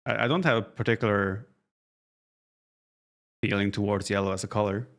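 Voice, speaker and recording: A man streaming a strategy game, chatting casually with viewers in halting, self-correcting speech and thanking subscribers. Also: fairly low pitch, fairly even intonation, fairly bright tone. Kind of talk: casual live-stream gaming chat.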